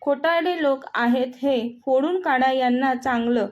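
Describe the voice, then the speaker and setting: Storybook villain: a raging male boss who taunts and threatens, read by a woman with a high voice. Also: a little slow. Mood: menacing. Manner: threatening, mocking. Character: cruel, raging middle-aged male gang boss. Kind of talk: storybook reading.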